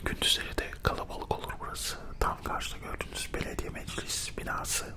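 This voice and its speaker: In a soft ASMR whisper, a Turkish man narrates a travel vlog, almost all breath and barely any voice. He speaks reflectively and without hurry, explaining things as though leading the listener on a tour.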